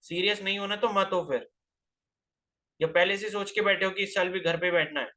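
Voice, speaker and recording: A man's voice: high-pitched, fairly even intonation, normal speed, bright, forceful tone. A man teaching a physics class, lecturing and scolding his students with rhetorical questions, terms into his speech.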